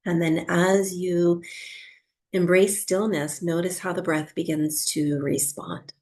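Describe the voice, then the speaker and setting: Guiding listeners toward sleep, this woman teaches breathwork in a gentle, lowish voice with a flat delivery. Her pace is calm and slow, broken by long pauses.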